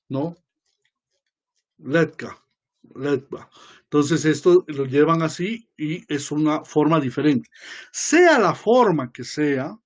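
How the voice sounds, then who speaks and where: A man giving an informal religious lecture as an archbishop, speaking conversationally, often ending with tag questions and acting out quoted voices. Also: on the high side.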